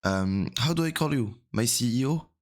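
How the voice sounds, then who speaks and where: A man coaching a player over a call. He has just woken up and talks quietly into a close mic, rambling with many fillers. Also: medium pitch, animated, moderate pace. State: just woke up. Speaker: game coach. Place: home room at night.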